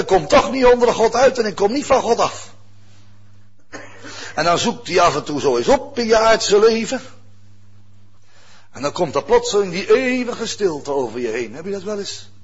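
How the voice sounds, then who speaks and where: Husky preacher, swinging loud and soft. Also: male voice, fairly high pitch, highs cut off. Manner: lively, conversational preaching with sudden loud rises and soft drops. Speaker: pastor. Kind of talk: sermon.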